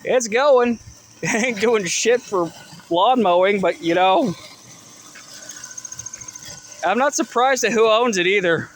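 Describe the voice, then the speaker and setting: Outdoors on a rural delivery route, a man records a casual vlog on his phone, rambling and swearing with lively swings in pitch. He speaks a little slowly, and there's slight hiss or hum.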